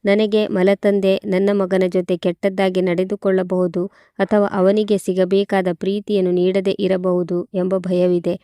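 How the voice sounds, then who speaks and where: A woman's voice: mid-range voice, level tone, measured pace, dark tone, clean tone, no room sound, studio quality, close to an everyday voice. A firm young widowed mother, read by a woman. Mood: resolute. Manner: firm, direct.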